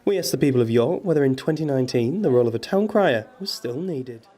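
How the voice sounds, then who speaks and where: A man's voice: mid-range voice, expressive, fast talker, mellow. A man reading a scripted local news report as the reporter.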